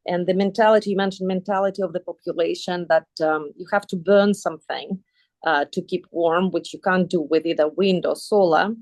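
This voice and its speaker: A woman's voice: fairly low pitch, steady tone, fairly quick, darkish tone, no room sound. Dry-sounding woman moderator from Kazakhstan. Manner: thoughtful, with many ums and repeated words. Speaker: webinar moderator. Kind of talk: moderating a panel discussion. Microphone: video call.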